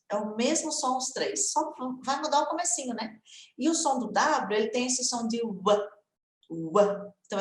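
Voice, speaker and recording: A woman from Brazil leads an online English lesson, sounding chatty and encouraging. Her voice sits a little high and keeps checking that everyone is following. The sound carries a noticeable room echo. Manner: chatty, encouraging, checks in often with "tá?" and "tudo bem?". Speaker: English teacher.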